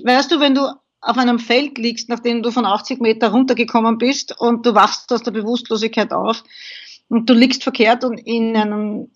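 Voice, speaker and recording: A woman's voice: a little high, muffled recording. A woman, a podcast guest vividly recounting a crash she survived. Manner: vivid, animated storytelling. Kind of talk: interview, telling a survival story.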